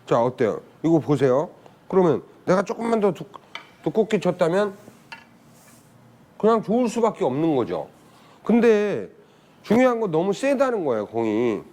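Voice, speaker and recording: Lively, chatty male billiards teacher. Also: sits high, normal speed, long pauses. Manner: chatty, asks viewers rhetorical questions. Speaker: billiards instructor. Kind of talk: casual spoken lesson.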